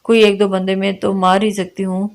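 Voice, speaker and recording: Woman reading a defiant young heroine, confident, teasing, flat delivery. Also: mid-range voice, normal speed, lightly acted.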